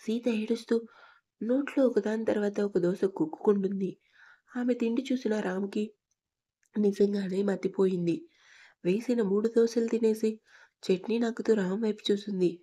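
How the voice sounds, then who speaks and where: Mellow-voiced woman narrating a story. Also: mid-range voice, fairly even intonation, normal speed, pauses often. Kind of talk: narrating an audio love story.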